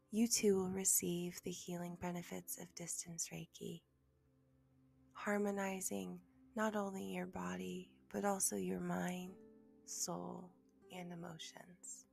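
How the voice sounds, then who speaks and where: Guiding listeners through meditation, this host keeps her fairly low voice gentle and breathy, close to a half-whisper. Long, calming pauses stretch between her phrases.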